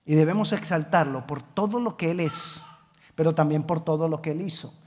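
A man preaching a sermon as pastor, emphatic, swinging between loud and quiet, repeating words for emphasis. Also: fairly high pitch, normal speed.

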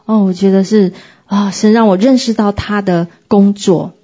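Woman sharing her testimony, husky mellow voice, lots of hesitating, kinda muffled lo-fi audio. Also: mid-range voice, steady tone, normal speed. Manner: earnest, reflective, with many hesitations. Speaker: church member sharing testimony. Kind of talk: personal faith testimony.

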